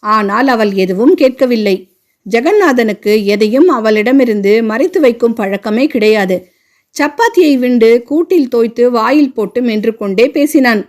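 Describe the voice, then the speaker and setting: A woman reads a family novel aloud in steady, measured scripted narration. Her voice sits somewhat high, and she keeps an even storytelling pace. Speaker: audiobook narrator.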